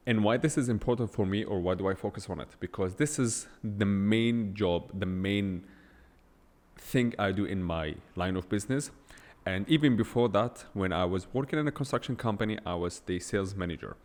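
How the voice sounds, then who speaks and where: Speaking at a normal speed in a fairly low, somewhat dark voice, this non-native English speaker sounds like he's in a big room. He runs an unscripted solo podcast, making his points bluntly and emphatically and peppering them with rhetorical questions.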